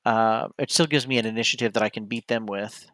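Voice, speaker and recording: Streaming a solo board game, a man casually narrates each move, thinking aloud and often correcting himself as he makes up his mind. His voice is lowish and fairly quick, with a fairly bright tone, captured in a dry recording.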